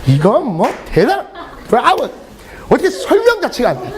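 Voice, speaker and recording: A man's voice: extremely high pitch, moderate pace, crowd noise. A middle-aged man teaching English to a class, telling joking stories and laughing between sentences. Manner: animated, joking, often laughing mid-sentence. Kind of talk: lecture with humorous storytelling.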